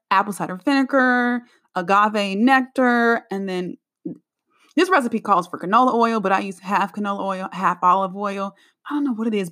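A young adult woman chats casually as the host of her own show. Her delivery is lively and animated, full of laughing asides. Her voice sits at an ordinary middle pitch for a woman. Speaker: podcast host. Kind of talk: casual solo chat.

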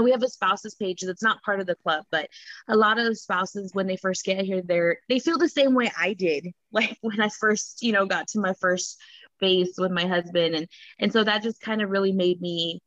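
A woman's voice: mid-range voice, moderate pace, fairly bright tone, no echo. Young woman guest, casual, lots of fillers, dull dry sound. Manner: casual, many fillers like "you know" and "like". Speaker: spouses club president, guest. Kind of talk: casual podcast interview.

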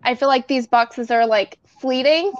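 A woman's voice: high-pitched, normal speed, no echo. A woman talking as a guest in a casual interview, rambling through her explanations with plenty of fillers. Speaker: guest, bath box maker. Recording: dull lo-fi recording.

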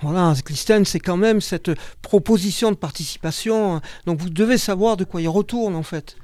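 A man's voice: high-pitched, normal speed, darkish tone, no room sound. A man hosting a community radio interview, chatty and jovial, with frequent filler sounds. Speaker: radio host.

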